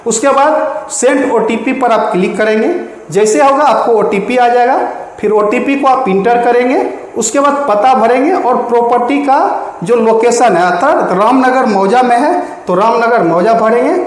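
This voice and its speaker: A man's voice: extremely high pitch, animated, moderate pace. A man explaining an online application process step by step, addressing viewers as friends. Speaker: explainer of online land-record services. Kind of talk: spoken tutorial. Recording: very echoey room with long reverb.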